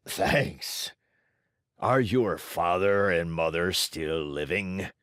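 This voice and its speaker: A man voicing a gruff, bearded male puppet-show director with a hoarse, brusque way of talking. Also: sits low, expressive, very slow, a bit bright, no echo, studio quality, pitched below the performer's own voice, full character voice.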